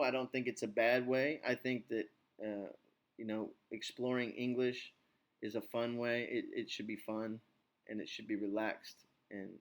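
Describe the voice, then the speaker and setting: Laid-back guy teacher walking through a textbook, chatty, lots of um and you know. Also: fairly low pitch. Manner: relaxed, reassuring, rambling with fillers. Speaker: English teacher and podcast host. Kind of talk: casual chat.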